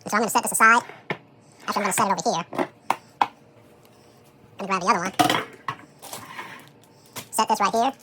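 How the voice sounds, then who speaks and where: A home cook talking through a how-to while preparing food, relaxed and thinking aloud with frequent fillers, played back as a sped-up chipmunk voice. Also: heavy background noise. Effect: sped-up chipmunk voice, high and fast. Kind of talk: casual how-to commentary while working.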